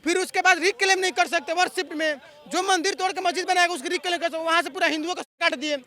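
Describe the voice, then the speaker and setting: A man's voice: very high voice, fairly even intonation, quick pace, pushed and bright. A man arguing heatedly about politics in a street interview, outdoors in the city, firing rhetorical questions and chanting slogans. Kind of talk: heated political vox pop.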